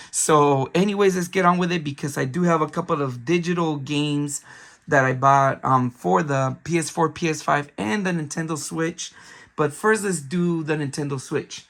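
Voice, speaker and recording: Young male vlogger, bright gravelly voice, worn from a cold, rambly with fillers. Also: on the high side, normal speed. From Bay Area, California. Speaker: video game collector vlogger. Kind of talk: casual haul vlog.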